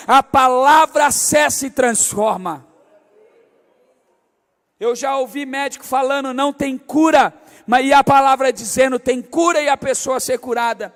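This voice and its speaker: A middle-aged Brazilian pastor with a Rio de Janeiro accent, his voice pitched strikingly high for a man. He preaches in a large church hall, where a long reverb trails every phrase. He drops into soft, confiding asides, then climbs to shouted exhortation. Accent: Brazilian Portuguese, Rio de Janeiro state. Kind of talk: sermon.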